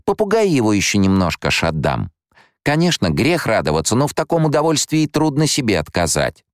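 A man's voice: lowish voice, wildly swooping pitch, fairly quick, no room sound, studio quality, pitched above the performer's own voice. A man voicing a bold, defiant little girl in an audiobook, cheeky and taunting. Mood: mocking.

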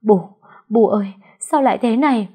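Woman playing a bereaved young man in an audio story: raw wailing grief that turns to harsh shouting. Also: medium pitch, normal speed, husky, close to an everyday voice. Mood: grief-stricken. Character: young grieving son turned violent, male.

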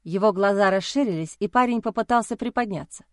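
A woman reading a first-person novel aloud in a steady, measured way. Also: mid-range voice, no room sound, clean studio sound. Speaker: audiobook narrator.

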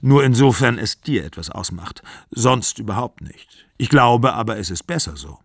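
Calm reasoning older man, read by a man. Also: medium pitch, normal speed, vocal fry, breathy edge, dry recording, studio quality.

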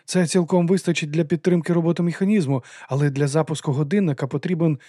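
A man's voice: fairly high pitch, fairly even intonation, fast talker, dark tone, husky, dry recording, studio quality, pitched above the performer's own voice. A man voicing a nervous young clockmaker who talks in an unsure, hesitant way.

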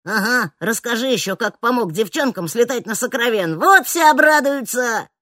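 Narrator putting on a cheeky bragging teen boy, loud and bouncy, lively pitch, dry close sound. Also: normal speed, dry recording. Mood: teasing. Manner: loud, teasing, excitable. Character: cheeky, boastful, carefree teenage boy.

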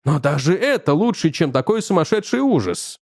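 A man narrating a comic first-person audiobook in an ironic, animated manner. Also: a little high, moderate pace, no echo, studio quality.

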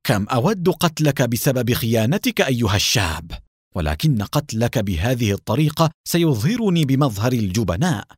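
Brief: cold, sarcastic masked gunslinger, read by a man, lively pitch, dry sound. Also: moderate pace, breathy edge, no echo. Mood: furious. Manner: calm, mocking. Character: calm masked vigilante cowboy, a grown man, cold and sarcastic.

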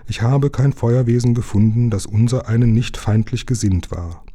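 A man's voice: medium pitch, moderate pace, lightly acted. A man doing an ancient melodious sea creature. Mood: solemn. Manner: gentle, solemn, tender. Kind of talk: storybook reading aloud.

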